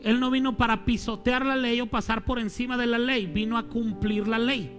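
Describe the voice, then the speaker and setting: A male pastor preaching with lively, colloquial humor. He sometimes drops to a hushed, dramatic delivery. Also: very high voice, moderate pace, over music. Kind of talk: sermon.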